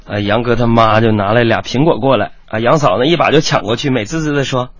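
A man's voice: medium pitch, fast, dry recording, highs cut off. A man hosting a radio comedy show, telling jokes, acting out the quoted voices and often laughing.

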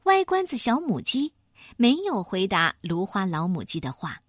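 A woman narrating a children's story in an expressive, animated way. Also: mid-range voice, moderate pace, no echo, clean studio sound.

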